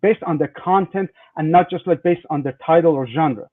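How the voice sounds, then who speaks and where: Over a thin, phone-like line, a man with a fairly high voice practices his sales pitch as a startup founder. He talks informally and rambles, padding his phrases with "like" and "just" all the way through. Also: moderate pace. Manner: says "like" and "just" constantly. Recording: narrow phone-like call audio.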